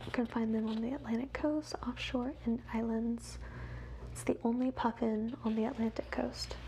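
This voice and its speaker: A woman whispers wildlife facts in a soft, measured ASMR reading, as quietly as someone watching animals. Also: fairly high pitch, fairly even intonation, noisy background. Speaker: ASMR host.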